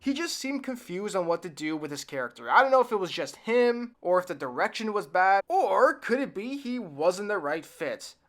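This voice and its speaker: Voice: medium pitch, normal speed, hardly any pauses. A film reviewer giving a comedic, sarcastic review with frequent laughs. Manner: sarcastic, animated, laughs often.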